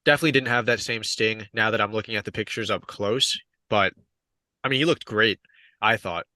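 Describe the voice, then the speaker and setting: A man's voice: on the low side, a little fast, pushed and bright, no echo, studio quality. A young man on a podcast, chatting casually and hedging often with filler words. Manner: rambling, hedging with "I mean" and "like". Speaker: podcast guest. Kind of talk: casual chat.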